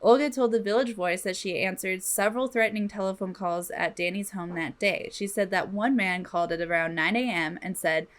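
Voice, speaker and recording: A podcast co-host, a woman with a mid-range voice, reads a true crime story from her notes a little fast with hardly any pauses. Her telling is informal and slangy, with some swearing.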